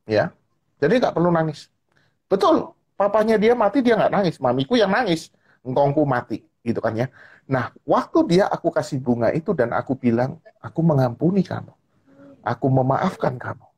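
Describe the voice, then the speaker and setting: A man speaking as a guest on a live-stream chat, telling a personal story in an animated way and often repeating a filler tag. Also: a little high, normal speed, husky. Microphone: live-stream call. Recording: online live-stream audio.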